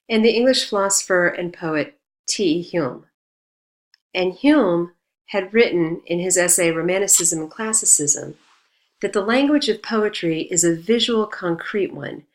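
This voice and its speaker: A woman lectures on poetry in a steady, explanatory manner. Her voice sits a little low, and she reads passages aloud before unpacking them point by point. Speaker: teacher.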